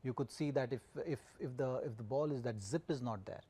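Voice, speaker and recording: A man analysing cricket as a pundit, circling his points haltingly with repeated phrases. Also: mid-range voice, mellow, slightly rough. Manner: halting, repetitive phrasing with frequent "you know". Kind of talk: studio match analysis.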